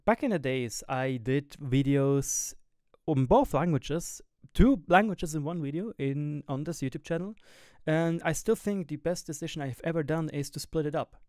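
In a small home gaming room, a young streamer and YouTuber from Switzerland talks to camera, candid and reflective, stopping now and then to search for an English word. His German-accented voice is slightly high and smooth with a sing-song rise and fall, leaning toward a darkish tone. He wears a headset and sits close to a boom-arm studio mic, so the sound is dry, close, and free of room sound.

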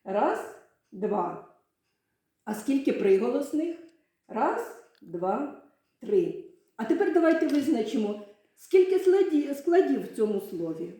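Slow, patient woman teaching small kids. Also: high voice, big pitch swings, mellow. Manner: slow, patient, stretches out words to show syllables. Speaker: primary school teacher. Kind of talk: literacy lesson for young children. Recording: very echoey room.

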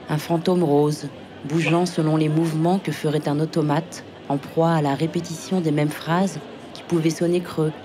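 A woman reading a literary, poetic text in a measured, deliberate way. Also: low-pitched, background noise. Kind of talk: poetic narration.

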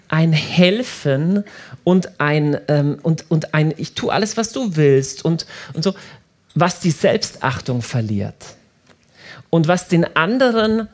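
A man giving a lively talk to a live audience, animated and often repeating himself as he restarts sentences. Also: fairly high pitch. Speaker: speaker at a prayer house.

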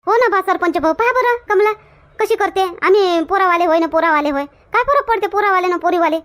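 A woman plays a short-fused village woman who scolds in a very high, piercing voice with a thick Varhadi Marathi accent. She lectures bluntly and does not back down. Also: a little fast, a bit bright. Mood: scolding. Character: outspoken village woman Shantabai, quick to flare up. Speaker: comic actor. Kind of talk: village comedy skit.

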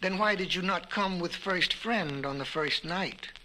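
A man's voice: sits high, a little slow, bright, forceful tone, slight background noise, heavily acted, poor audio. A man voicing a wise, mocking cave woman in a storybook reading on an old vinyl record, speaking in a firm, teasing way. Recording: vintage vinyl record with music.

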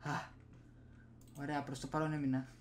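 Speaking a little high and flatly over music, the young streamer keeps up casual commentary on his game, mumbling and firing off brief reactions from his small home room via a desk USB mic.

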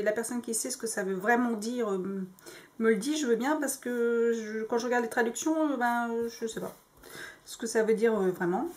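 A woman vlogging in French, casually showing crafting dies with lots of hesitant fillers. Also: a little high. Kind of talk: casual show-and-tell.

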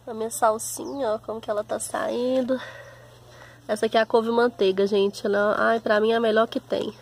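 A home and garden vlogger with a Brazilian Portuguese accent chats to her viewers outdoors while showing off her backyard garden, often calling out to them in a homely way. Her slightly high voice has vocal fry and a flat delivery at a moderate pace, with slight background noise.

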